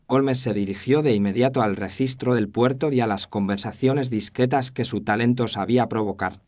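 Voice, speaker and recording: Here the scripted audio-drama narration comes from a man whose lowish, slightly mellow voice stays near his everyday sound. He plays a thoughtful doctor reflecting on a case from his memoir in a literary manner.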